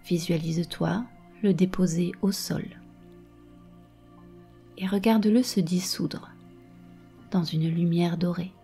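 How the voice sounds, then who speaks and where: A woman guiding a meditation softly and slowly, close in your ear, with a breathy voice that often slips toward a whisper. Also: fairly low pitch, steady tone, soft background music. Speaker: meditation and hypnosis guide. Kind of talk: guided meditation, soft and slow.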